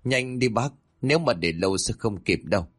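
A man narrating a ghost story with an animated reading manner. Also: lowish voice, a little fast, dry recording, clean studio sound.

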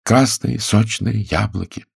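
Fussy fifty-year-old wife voiced by a man, creaky and husky, pitched up, audiobook role. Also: measured pace, dry recording, clean studio sound, heavily acted. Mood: fretful. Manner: raised, sing-song pitch. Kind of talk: audiobook character voice.

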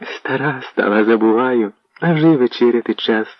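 A man's voice: mid-range voice, normal speed, no echo, lightly acted. A man reading an audiobook, voicing an old peasant mother who fusses and apologizes, on a dull lo-fi recording. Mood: fussing. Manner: fussing, apologetic.

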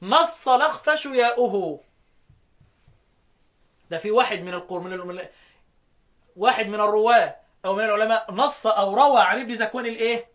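Teaching recitation readings, a man with an Egyptian Arabic accent chants verses slowly and fields his own questions. His voice is high-pitched and a bit bright.

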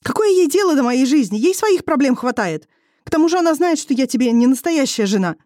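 A reader voicing a young woman who talks through tears, with a trembling but loud, defiant voice. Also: sits high, big pitch swings, brisk, dry recording, studio quality, pitched above the performer's own voice. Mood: tearful defiant. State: crying. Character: young tearful stubborn woman, student wife.

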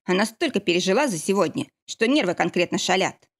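A woman's voice: mid-range voice, lively intonation, a little fast, lightly acted. A woman reading the lines of an anxious, protective young husband in an audiobook, asking insistent questions. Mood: gentle.

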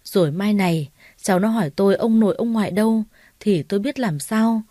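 A woman's voice: medium pitch, a little fast, dark tone, dry recording, studio quality, lightly acted. A woman voicing a spiteful, grieving older mother-in-law who wails and screeches accusations. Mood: wailing.

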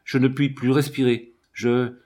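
A man's voice: medium pitch, flat delivery, measured pace, a little mellow, lightly acted. A man reading the lines of a clumsy, good-natured giant of a man in an audiobook, blunt and simple. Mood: apologetic.

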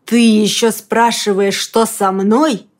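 A woman voicing a furious man who speaks hoarsely and hisses his words slowly with menace. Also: mid-range voice, level tone, natural voice. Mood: enraged. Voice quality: hoarse, hissing.

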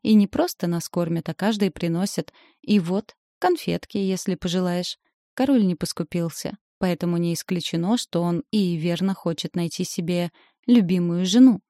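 A woman reads a first-person fantasy audiobook in an even, storytelling manner. Her voice is low and warm. The recording is dry and close. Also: normal speed, no echo. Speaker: audiobook narrator. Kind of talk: scripted narration of a fantasy novel.

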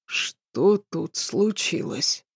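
A woman voicing a sly young male apprentice in an audiobook, speaking in a slow, measured, guarded way. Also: sits low, no room sound, clean studio sound. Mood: wary.

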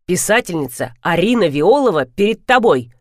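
A woman's voice: lowish voice, big pitch swings, moderate pace, dry recording, studio quality. A woman reading an audiobook, voicing a composed, firm and polite grown man. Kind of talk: audiobook character voice.

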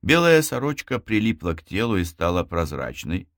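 Low-voiced man reading an audiobook. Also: very animated, moderate pace, a bit bright, no room sound, studio quality. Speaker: audiobook narrator. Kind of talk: scripted audiobook narration.

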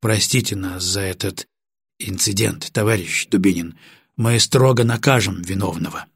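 A man acting out a stern security lieutenant in an audiobook, clipped and commanding. The voice is husky and very dry. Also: medium pitch, very animated, fairly quick, dry recording, voice pushed up, exaggerated voice. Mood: polite. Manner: commanding, then politely apologetic. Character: stern male security lieutenant, tense and authoritative.

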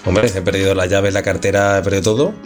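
A man's voice: low voice, steady tone, fast talker, music in the background. A man who is a longtime regular on a casual podcast, ranting and swearing freely. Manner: profane, ranting.

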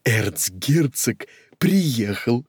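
A man doing a loud coquettish old lady. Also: sits high, huge pitch swings, a little slow, slightly rough, no echo, voice pushed up, heavily acted.

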